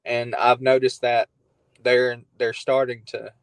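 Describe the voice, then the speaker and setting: A man of thirty telling stories as a podcast guest in a loose, relaxed, conversational way. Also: mid-range voice, slow, smooth, dry recording, low-quality recording. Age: 30s. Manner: laid-back storytelling, loose and conversational. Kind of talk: casual chat.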